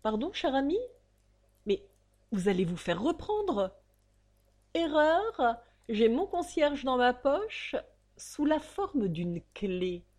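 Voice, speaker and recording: Brisk scheming fugitive man read by a woman, raised and loud, commanding, storybook. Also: sits high, big pitch swings, pitched above the performer's own voice, heavily acted. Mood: breezy. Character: cunning male fugitive, bold, impatient.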